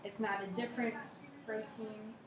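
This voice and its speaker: A university lecturer gives an informal, conversational cell biology lecture in a lecture hall or classroom, checking in with her students and asking them questions. Her mid-range voice moves little in pitch and keeps a normal speed. The recording comes from a distant mic, with roomy echo and faint noise.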